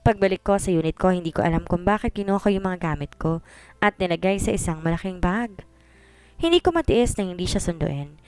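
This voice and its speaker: A woman's voice: fairly low pitch, animated, fairly quick, darkish tone, smooth, dry recording. A woman narrating a romance story in a chatty way, mixing English into her telling. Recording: faint background music.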